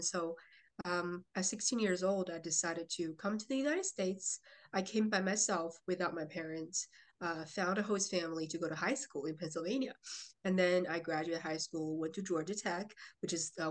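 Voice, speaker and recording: A young woman from China, a real estate investor, answering interview questions in a fluent, businesslike way. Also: fairly low pitch.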